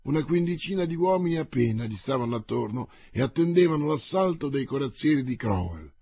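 A man's voice: medium pitch, animated, fairly quick, gravelly, darkish tone, husky, no echo. A man narrating an adventure novel as an audiobook, with a dramatic, paced reading.

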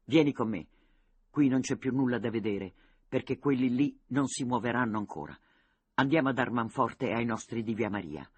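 A man's voice: mid-range voice, normal speed, a little mellow, breathy edge, no echo, highs cut off, natural voice. A man doing a boy general barking orders. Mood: commanding. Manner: urgent barked orders. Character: excited boy general, commanding.

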